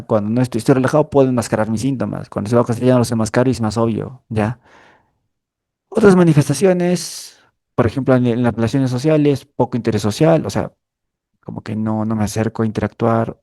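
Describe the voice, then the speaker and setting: A man's voice: lowish voice, warm tone, no room sound, clean studio sound. A man from Peru, giving a clinical lecture and checking in with listeners as he explains. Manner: explanatory, frequent checking tags like "¿ya?". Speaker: lecturer in a mental health course.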